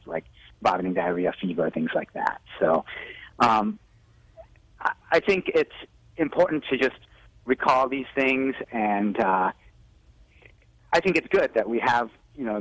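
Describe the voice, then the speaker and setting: A man joins a news broadcast by phone as a doctor offering health advice, with frequent "you know"s. He speaks at a measured pace in a medium, expressive voice, pausing often. The phone audio aired on TV has no room sound and poor quality.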